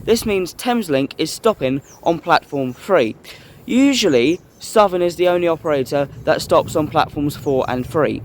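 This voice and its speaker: A man's voice: on the high side, animated, normal speed, few pauses. A man giving a casual, explanatory vlog outdoors at a railway station. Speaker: vlogger. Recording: faint outdoor station noise. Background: trains and station ambience.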